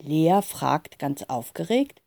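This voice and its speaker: A woman reading a children's story aloud in a calm, expressive way. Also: low voice, slow pace, vocal fry, no room sound, clean studio sound. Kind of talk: scripted storybook narration.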